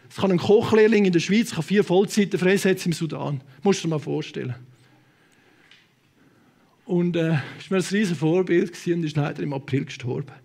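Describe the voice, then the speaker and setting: A man with a Swiss German accent preaches to his congregation in a notably high voice. He moves between loud, fervent proclamation and hushed asides, often slipping English words into his speech. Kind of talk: sermon. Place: church hall with a congregation.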